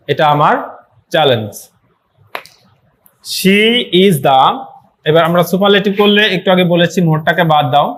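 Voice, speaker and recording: Male tutor, high-ish voice, online grammar class, repetitive and encouraging. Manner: repeats words slowly for students to say aloud; encouraging, motivational asides. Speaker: English teacher.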